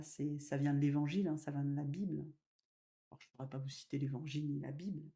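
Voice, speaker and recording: A woman medium giving a spiritual live talk, gentle and slow, with sudden loud emphasis and soft drops. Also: low voice.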